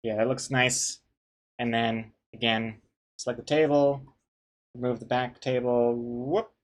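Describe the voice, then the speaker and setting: A man's voice: medium pitch, little pitch movement, unhurried. A man chatting casually on a livestream as he works, rambling and playful, who can't pronounce his R properly and says it like a W. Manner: rambling, playful, easily amused. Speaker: comic artist and streamer. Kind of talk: casual livestream chat while drawing.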